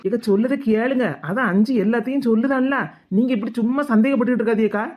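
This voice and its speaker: A woman voicing a calm, younger neighbor woman in an animated cartoon, advising and soothing in a southern Tamil accent from the Tirunelveli-Kanyakumari area. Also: a little high, quick pace, lightly acted. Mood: persuasive. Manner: soothing, persuasive.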